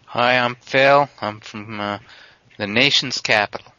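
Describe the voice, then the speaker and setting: A man's voice: mid-range voice, fairly even intonation, unhurried, bright, forceful tone. A man talking as a guest on a casual online podcast, earnestly explaining at length over a voice call. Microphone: internet voice call. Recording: lo-fi internet call audio.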